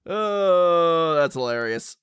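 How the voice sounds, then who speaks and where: Young man, casual streamer banter, laughs a lot, lively swooping voice, dry close mic. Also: on the high side, slow pace, smooth, no room sound. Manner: laughs often, animated and playful, reacting to chat. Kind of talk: casual chat with viewers.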